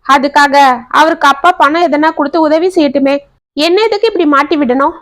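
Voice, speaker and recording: A woman's voice: high voice, fairly quick, a bit bright, dry recording, voice pushed up. Woman reading a heartbroken young man. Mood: resentful. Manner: pleading, emotional.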